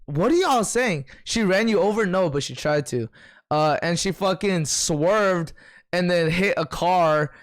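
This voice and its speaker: A man's voice: sits high, animated, measured pace. A young man livestreaming, telling a story in slangy, profane casual chat and reading viewer comments.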